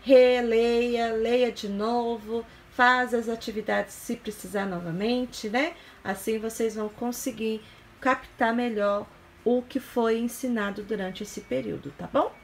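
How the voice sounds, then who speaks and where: A woman's voice: fairly high pitch, steady tone, unhurried, a little hiss or hum. A woman teaching young children in a recorded review lesson, explaining patiently step by step and checking in often with short questions. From Brazil. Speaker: primary school teacher.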